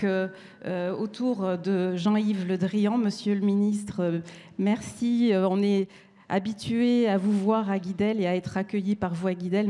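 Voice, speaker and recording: A woman's voice: medium pitch, dark tone. Woman moderator in an echoing hall. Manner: hesitant, many fillers. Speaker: panel moderator. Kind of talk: conference panel introduction. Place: large conference hall. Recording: reverberant hall sound.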